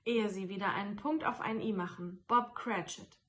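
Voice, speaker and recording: A woman's voice: medium pitch, normal speed, a bit bright, lightly acted. A woman voicing old Scrooge. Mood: earnest. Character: elderly male merchant, gruff then kindly.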